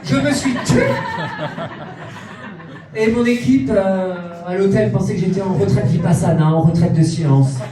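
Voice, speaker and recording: A grandiose, self-adoring stage diva, played by a man in a live cabaret act. The voice sits high and camp, heard from a distance in a very echoey club. A lively crowd fills the room. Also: a little fast, few pauses. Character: vain self-proclaimed international diva, female persona. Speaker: drag cabaret performer. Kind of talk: cabaret stand-up in character.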